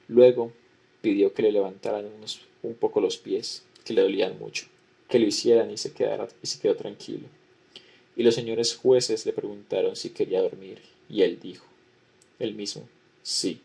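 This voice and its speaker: Gravelly low-voiced man reading aloud. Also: darkish tone. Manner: measured, repeating the same formula. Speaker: lecturer. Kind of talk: reading a historical record aloud.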